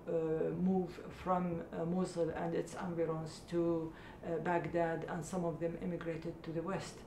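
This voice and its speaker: A middle-aged Iraqi woman who founded a charity answers interview questions about it, earnest and full of hesitations. Her voice is creaky and mellow. The room echoes, with a faint rumble.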